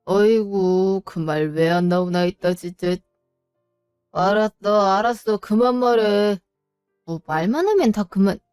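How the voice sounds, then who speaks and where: A woman's voice: medium pitch, unhurried, a little mellow, clear, resonant tone, no echo, clean studio sound, faint music behind, close to an everyday voice. A woman voicing a defensive, irritable husband who brushes off his wife's questions, in an audio drama story. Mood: annoyed. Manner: evasive, snappish, brushes off questions. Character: defensive irritable husband, middle-aged man.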